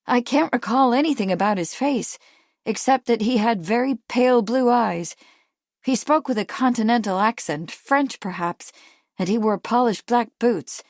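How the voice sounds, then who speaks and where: A woman narrator, lightly acting, voices an anxious, determined young Victorian woman who speaks earnestly, urgently and with intent. Her voice is a little high, pitched above her own natural voice, with a darkish tone at normal speed, recorded dry at studio quality.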